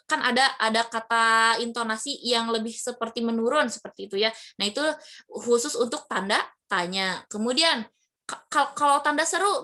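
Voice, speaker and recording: A woman's voice: fairly high pitch, sharp tone. A woman teacher giving an online lesson to her class, explaining patiently with many fillers and rhetorical questions.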